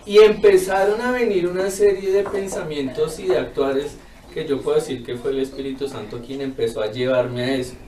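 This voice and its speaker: A man giving a personal testimony, telling his story in a reflective, halting way. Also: on the high side, dark tone. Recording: echoey room, mic far off, faint noise.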